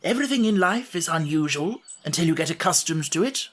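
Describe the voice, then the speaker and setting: A woman's voice: fairly low pitch, expressive, fairly quick, slightly rough. A woman voicing a proud, good-natured male scarecrow in a storybook reading.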